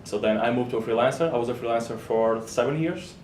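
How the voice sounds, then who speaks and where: Man, developer, fast, chatty, roomy sound. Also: medium pitch, a little mellow. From Portugal. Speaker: software developer. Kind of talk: casual interview answers. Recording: echoey room with faint hum.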